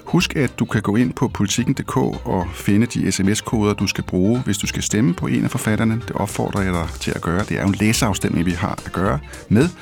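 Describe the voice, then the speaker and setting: Low, gravelly male host, relaxed and filler-heavy, soft music under him. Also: few pauses. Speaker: literature podcast host. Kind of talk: casual radio talk.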